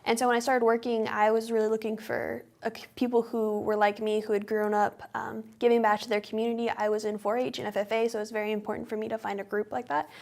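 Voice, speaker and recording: A woman from California's Central Valley answers interview questions with a fairly high, gravelly voice. She talks fast, fluently and in an upbeat way. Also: level tone, a little mellow. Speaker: guest, club vice president.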